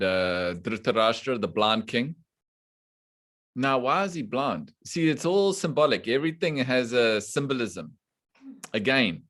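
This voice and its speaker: A man teaching a scripture class to students online, explaining slowly and deliberately and putting questions to the class. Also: medium pitch, fairly bright tone. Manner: slow and deliberate, quizzing the class. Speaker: spiritual teacher.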